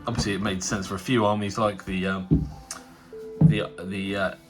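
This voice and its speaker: A man hosting a casual tabletop wargaming unboxing sounds nasal from a cold and rambles chattily with lots of fillers and restarts. His fairly low voice is flat and moves at a moderate pace. Loud music plays under him.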